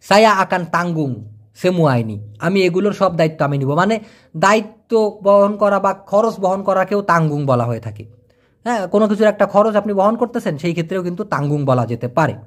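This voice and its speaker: A man teaching vocabulary in a casual lesson, explaining each word with everyday examples and repeating pronunciations slowly. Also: high-pitched. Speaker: language teacher.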